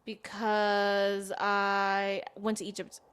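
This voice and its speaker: A woman's voice: medium pitch, monotone, extremely slow, a bit bright. A pregnant young woman co-hosting a casual podcast, talking in a rambling, chatty way and laughing often. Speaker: podcast co-host. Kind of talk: casual chat.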